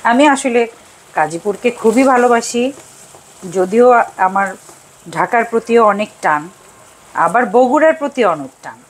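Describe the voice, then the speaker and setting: A woman's voice: fairly high pitch, lively intonation, unhurried, long pauses, slightly rough, rough recording. An older woman from Bangladesh hosting a cooking show, chatting in a rambling, casual way and chuckling often as she cooks in a home kitchen. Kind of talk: casual chat while cooking. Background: faint sizzle of frying.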